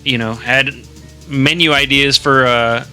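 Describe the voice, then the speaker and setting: Bright-voiced man co-hosting a podcast. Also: mid-range voice, steady tone, unhurried, soft background music. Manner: loose, joking, lots of swearing and fillers. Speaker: podcast co-host. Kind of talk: casual chat.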